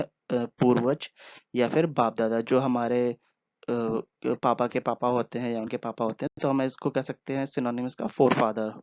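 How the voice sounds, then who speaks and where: A man who is teaching vocabulary in a casual, unhurried way, pausing often and using fillers as he explains. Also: medium pitch, darkish tone, no echo. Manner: explains slowly with many pauses and fillers. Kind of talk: casual spoken vocabulary lesson. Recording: dull, dry, lo-fi voice-over.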